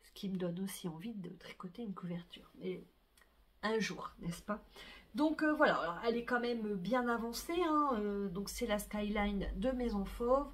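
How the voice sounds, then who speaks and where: A woman's voice: mid-range voice, moderate pace. A middle-aged woman, chatting casually about her sewing and knitting projects, full of fillers and restarts. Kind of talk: casual chat to camera.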